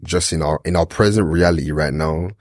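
Young man, very low voice, rough husky edge, London roadman accent, earnest, slangy, casual chat. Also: brisk, a little mellow, dry recording, studio quality. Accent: London, urban street slang.

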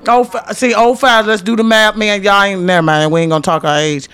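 A woman's voice: medium pitch, fairly even intonation, brisk, a bit bright, clear, resonant tone. A woman in her late thirties in casual podcast chat, boisterous and joking, laughing often. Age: 30s.

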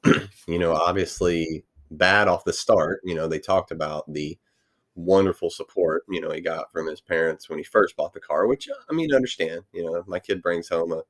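Brief: low-pitched male podcast co-host, loose rambling delivery, heavy on "you know". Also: moderate pace. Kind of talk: casual book discussion.

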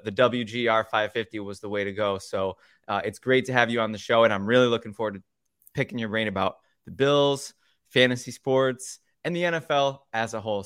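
A man's voice: lowish voice, fairly bright tone, clean tone, no echo, studio quality. A young man co-hosting a sports podcast, speaking with eager, fan-like enthusiasm. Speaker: podcast co-host. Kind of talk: casual sports podcast chat.

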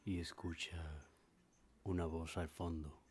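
A man's voice: low voice, level tone, slow pace, darkish tone, slight background noise. A man co-hosting a podcast, telling an improvised comic story in a playful way.

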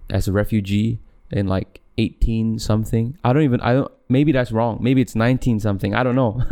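Relaxed low-voiced man chatting casually. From Malaysia. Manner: rambling, self-correcting, laughs often. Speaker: podcast host. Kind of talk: casual solo podcast chat. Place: home room, camera set back.

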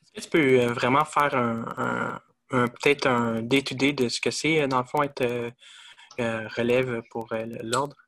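Hesitant co-host full of fillers. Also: male voice, mid-range voice, steady tone, unhurried, vocal fry, fairly bright tone. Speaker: podcast co-host. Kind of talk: casual interview hosting.

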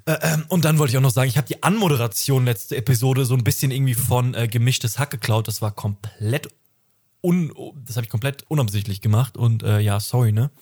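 A man's voice: medium pitch, brisk, darkish tone, husky. A man in his twenties co-hosting a podcast, chatting casually, rambling and correcting himself, often breaking into laughter. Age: 20s. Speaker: podcast co-host. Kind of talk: casual chat.

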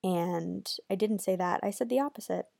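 A woman's voice: mid-range voice, vocal fry, dark tone. A woman co-hosting a casual recap chat, rambling and correcting herself as she goes. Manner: rambling, self-correcting, quick asides. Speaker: podcast co-host.

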